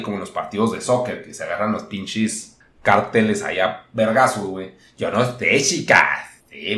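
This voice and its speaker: A man's voice: fairly low pitch, fairly bright tone. A man with a Mexican accent hosting a podcast, riffing in a profane, slangy, irreverent comic monologue. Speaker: podcast host. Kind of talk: casual comedic monologue. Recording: roomy echo.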